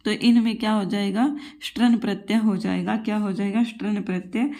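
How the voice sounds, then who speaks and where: A woman's voice: mid-range voice, steady tone, a little fast, mellow. A woman teacher giving a Sanskrit grammar lesson for exam preparation. She repeats each rule, asks the class questions and calls her students children.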